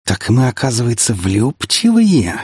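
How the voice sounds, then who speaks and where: A man's voice: medium pitch, animated, brisk, darkish tone, breathy edge, dry recording, clean studio sound. A man reading an audiobook, voicing a moody, possessive teenage boy who snaps and whines. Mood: gloating. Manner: snapping, then whining.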